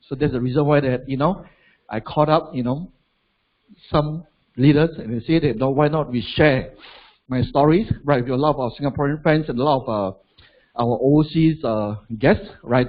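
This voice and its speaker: A husky Malaysian man in his forties, a motivational business speaker, addresses a crowd in a live seminar with a Malaysian English accent and medium pitch. He's chatty, poses rhetorical questions to listeners, and tacks on "lah." The audio is dull.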